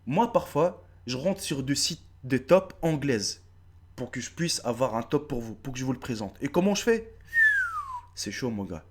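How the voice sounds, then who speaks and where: A man in his thirties with a North African French accent records a casual vlog for YouTube, speaking at normal speed in a mid-range voice over a little hiss or hum. Animated and foul-mouthed, he repeats himself and talks directly to his audience.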